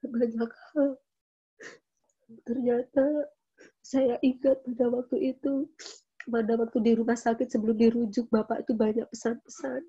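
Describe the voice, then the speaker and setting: A woman's voice: on the high side, flat delivery, moderate pace, long pauses, warm tone, husky, no room sound, muffled recording. A middle-aged woman giving a personal church testimony as a widow. She tells it earnestly and with feeling, acting out the voices she quotes. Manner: earnest, emotional storytelling that acts out quoted speech.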